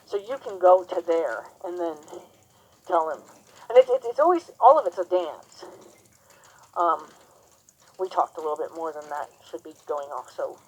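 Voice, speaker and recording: A woman teaching horsemanship, talking softly and soothingly to a horse while coaching a student. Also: fairly low pitch, expressive, normal speed, slight background noise, rough recording. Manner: soothing and gentle. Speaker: horsemanship instructor. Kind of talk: hands-on coaching lesson.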